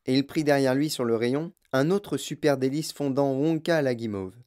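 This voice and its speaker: A man reading a children's novel aloud as an audiobook narrator, with expressive storytelling. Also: mid-range voice, moderate pace. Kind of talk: scripted narration.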